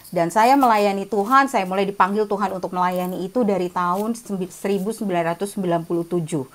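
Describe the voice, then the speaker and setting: A woman in her forties giving a casual, chatty sermon reflection over a video call, self-deprecating and laughing often. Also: lowish voice. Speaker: guest speaker at prayer meeting.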